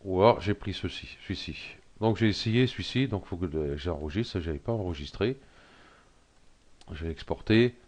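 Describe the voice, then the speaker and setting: A middle-aged man with a frog in his throat, hesitantly talking through a software tutorial with many fillers. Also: deep voice, lively intonation, moderate pace. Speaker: tutorial presenter. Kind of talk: screen-recorded software tutorial.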